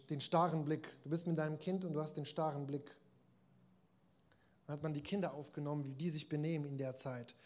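A man's voice: on the high side, warm tone. A man preaching a sermon in a conversational way, addressing his listeners directly.

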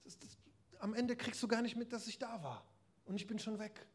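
A man voicing Jesus as a gentle adult man who kindly admonishes someone to focus on one thing. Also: high voice, moderate pace, breathy edge, voice pushed up. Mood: gently admonishing. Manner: gently admonishing, direct address.

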